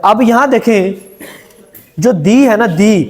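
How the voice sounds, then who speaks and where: A man's voice: high-pitched, expressive, slow pace. A male teacher giving a grammar lecture in a classroom, quizzing the students and repeating their answers.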